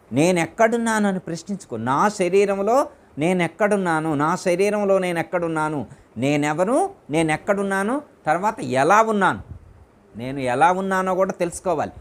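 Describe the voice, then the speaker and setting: A man's voice: high-pitched, lively intonation, moderate pace. A man as spiritual teacher giving a discourse in a private home, repeating his phrases and putting questions to his listeners.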